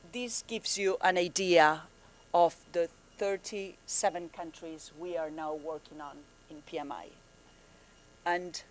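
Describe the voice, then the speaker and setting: A female program manager gives a friendly presentation in a conference room, often halting with fillers and restarts. Her voice sits lowish, and the recording carries a little hiss or hum.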